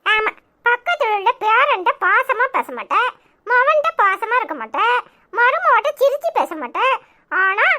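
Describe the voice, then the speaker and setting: A woman's voice: very high voice, bright, forceful tone, heavily acted. A woman voicing a sarcastic, nagging young grandson with a Tirunelveli Tamil accent in a cartoon. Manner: nagging, mocking questions. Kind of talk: cartoon voice acting.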